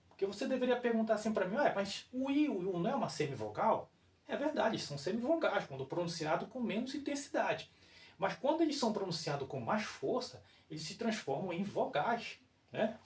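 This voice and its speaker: A teacher with a Brazilian Portuguese accent giving a whiteboard grammar lesson, explaining step by step and often checking in with the viewers. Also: mid-range voice. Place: room with a whiteboard. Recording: roomy echo, voice far from mic.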